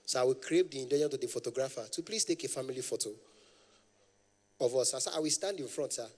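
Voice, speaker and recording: A man's voice: medium pitch, quick pace, darkish tone, big-room sound. A young adult man with a Nigerian accent, doing stand-up comedy as an event MC, playful and formal with the audience.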